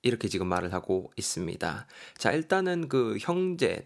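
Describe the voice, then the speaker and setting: Male lesson host, Gyeongsang accent, lower voice with a lively, swinging delivery. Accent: Gyeongsang Korean. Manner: animated, explanatory. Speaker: English teacher host. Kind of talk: podcast vocabulary lesson.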